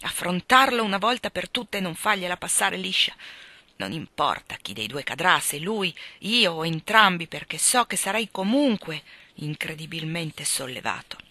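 A woman's voice: fairly low pitch, lively intonation, moderate pace, pushed and bright, no echo. Woman reading a brooding bitter lord. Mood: bitter, grave. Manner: grave, tormented, bitter. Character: bitter brooding aristocratic man.

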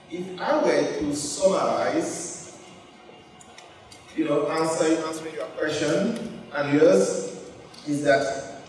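A middle-aged man from Cameroon giving a storytelling keynote speech to students on an auditorium stage, holding a handheld mic. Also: on the high side. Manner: storytelling, animated gestures. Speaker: keynote speaker. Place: large wood-panelled auditorium stage. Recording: echoey hall, picked up from far.

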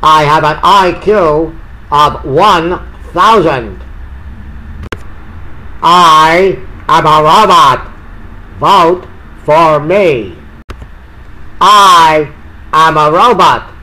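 A deadpan male robot candidate, as a man puts him on, speaks in a mechanical robot voice. Each word comes very slowly and evenly, and the tone is bright and a touch high. Its flat, repetitive delivery fits a parody campaign commercial. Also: exaggerated voice, rough recording.

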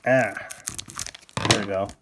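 A man casually commenting as he opens card packs off camera, bursting into high excited exclamations. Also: takes it slowly, slightly rough. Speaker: card-opening YouTuber. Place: indoors at a desk, off camera.

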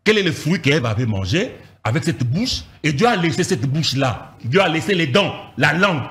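A man, a pastor teaching from the Bible in an animated, emphatic way, repeating phrases and firing rhetorical questions. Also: a little high, moderate pace.

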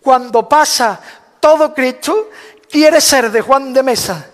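Speaking slowly at an extremely high pitch, a man solemnly declaims a rhymed devotional proclamation as a Holy Week proclaimer. A long hall reverb surrounds the recording.

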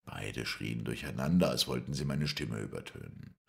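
Male audiobook narrator, extremely deep voice, lively dramatic reading. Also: normal speed, vocal fry. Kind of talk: scripted first-person narration.

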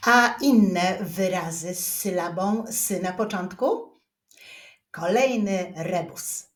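A woman teaching young children to read, speaking slowly and clearly and drawing out each syllable. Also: on the low side. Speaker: reading teacher. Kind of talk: slow children's reading lesson. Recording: roomy echo.

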